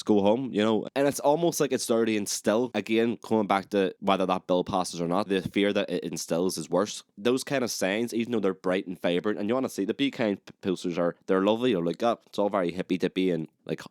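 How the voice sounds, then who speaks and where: Man, low voice, young, podcast host, sarcastic ranting monologue, swearing, dry close sound. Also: a little mellow, no echo. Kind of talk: opinionated solo monologue.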